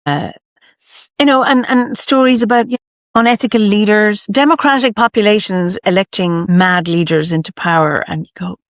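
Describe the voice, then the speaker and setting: A woman with an Irish accent talks as a storyteller being interviewed. Her delivery is lilting and reflective, with emphatic phrases and deliberate pauses. The pitch is medium and the sound is very dry, with hardly any room. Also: no echo. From Ireland. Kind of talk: reflective conversational storytelling talk.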